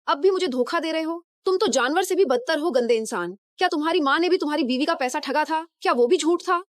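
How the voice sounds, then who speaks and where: A woman's voice: high voice, fast, no room sound, clean studio sound, lightly acted. A woman playing a wronged young heiress in a dubbed drama, speaking in a cold, accusing way. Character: wronged wealthy young heiress seeking revenge.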